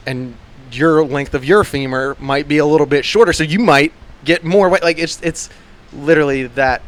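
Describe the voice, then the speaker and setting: A man's voice: on the high side, moderate pace. Rambling casual male podcast host. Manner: rambling, peppered with "like" and "you know"; blunt, swears casually. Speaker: gym coach and podcast host.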